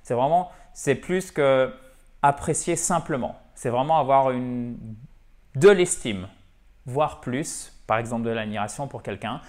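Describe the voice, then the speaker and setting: A man's voice: medium pitch, unhurried, darkish tone. A man teaching an English lesson, explaining patiently and often checking that students follow. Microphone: camera.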